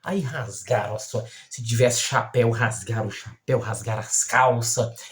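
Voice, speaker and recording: A man with a Brazilian Portuguese accent preaching a Bible teaching as a missionary, emphatic and folksy, reading scripture slowly. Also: medium pitch, fairly even intonation. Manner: slow, emphatic, folksy, reads scripture aloud. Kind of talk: sermon-style Bible teaching.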